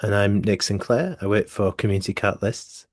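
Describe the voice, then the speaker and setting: Earnest low-voiced man on a podcast. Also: fairly even intonation, brisk, no room sound, studio quality. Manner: warm, earnest, gently teasing. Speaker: podcast co-host. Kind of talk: casual podcast chat and scripted intro.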